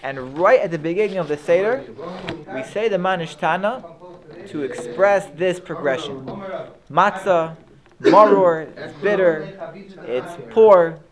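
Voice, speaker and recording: A man's voice: high voice, unhurried, crowd noise. Earnest man teaching Haggadah. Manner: earnest, repeats words, sprinkles in Hebrew terms. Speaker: Torah teacher. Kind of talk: explaining Passover Haggadah to a listener.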